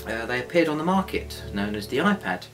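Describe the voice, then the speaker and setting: Ein junger britischer Mann, Mitschöpfer einer selbstgedrehten Serie, plaudert scherzhaft und selbstironisch im Interview. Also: male voice, mid-range voice, very animated, a little fast. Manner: joking, self-mocking. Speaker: co-creator and actor of a home-made series. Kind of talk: casual interview chat. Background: guitar music.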